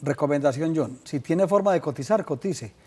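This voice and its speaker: A man with a Colombian accent, a legal expert on a TV call-in show, explaining pension rules in a measured way with many fillers. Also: a little high, lively intonation, warm tone, breathy edge. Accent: Colombian Spanish. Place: TV studio.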